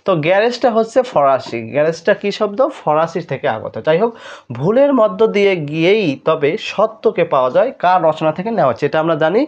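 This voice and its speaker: A Bangladeshi Bengali tutor with a notably high voice works through exam questions step by step, stopping often to ask "right?" before moving on. The recording sounds dull and lo-fi, with a muffled top end. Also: male voice. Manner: explanatory, asks rhetorical questions and checks with "right?". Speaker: admission test tutor. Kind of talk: exam solution lesson.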